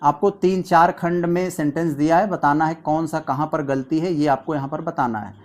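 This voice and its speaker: Male teacher, higher voice. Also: steady tone. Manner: explains step by step, reads questions aloud slowly. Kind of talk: exam practice lesson.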